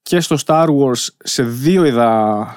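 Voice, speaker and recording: A man's voice: mid-range voice, expressive, darkish tone, clear, resonant tone, no echo. A man hosting a casual interview, talking in loose, rambling sentences. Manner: rambling, many fillers and restarts. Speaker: podcast host.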